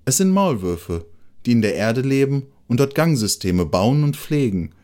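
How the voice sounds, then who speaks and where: A man voicing a gentle, earnest male mole who talks in a timid, humble way. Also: medium pitch, sing-song, normal speed, close to an everyday voice. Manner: timid, dreamy, speaks softly and humbly.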